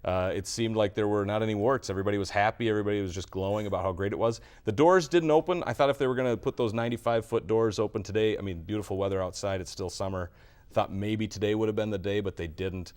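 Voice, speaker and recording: A man's voice: fairly low pitch, fast talker, darkish tone, clear, resonant tone. An American man hosting sports radio chat, moving topics along and putting questions to his co-host. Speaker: sports talk show host.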